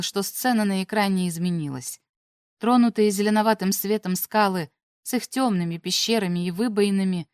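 An audiobook narrator reads a scripted text aloud in a steady, expressive storytelling manner. Her mid-range voice is recorded at studio quality with no room sound.

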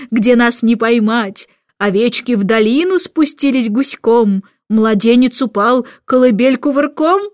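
A woman's voice: high voice, a bit bright, dry recording, clean studio sound, pitched above the performer's own voice, heavily acted. A woman voicing a cheeky, carefree male idler who becomes a jester.

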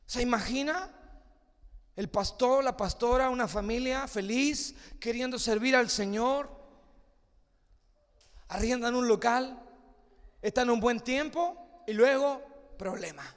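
A male pastor preaching a sermon, telling a story and acting out its voices, moving from hushed to shouting. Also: very high-pitched, slow pace, pauses often, big-room sound. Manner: acts out story voices, swings from soft to shouting.

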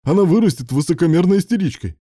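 A man voicing a hot-tempered, protective husband who yells in hysterical, indignant outbursts. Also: fairly low pitch, big pitch swings, measured pace, dry recording, studio quality. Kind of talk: audiobook character voice.

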